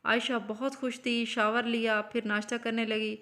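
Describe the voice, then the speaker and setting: A woman telling an emotional story as scripted narration, in a steady storytelling manner. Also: a little high.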